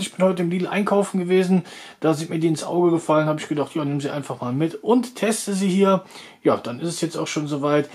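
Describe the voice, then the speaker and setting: A man's voice: on the high side, slight background noise. A man hosting a food review video, talking casually as he narrates a taste test.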